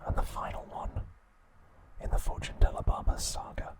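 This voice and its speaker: An ASMR host, male, keeps his voice to a soothing, breathy whisper and narrates at a relaxed, unhurried pace.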